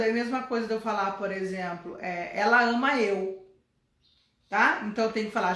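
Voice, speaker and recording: A woman's voice: on the high side, a bit bright, echoey room. A woman with a Brazilian accent explaining English grammar in a casual, chatty way, repeating points for emphasis. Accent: Brazilian Portuguese. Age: 50s. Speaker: English teacher.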